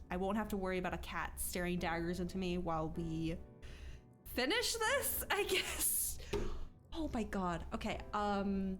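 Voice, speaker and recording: A young woman streamer chatting casually while she plays a video game, excitable and talkative, breaking into squealing disbelief. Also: mid-range voice. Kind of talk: casual live-stream commentary.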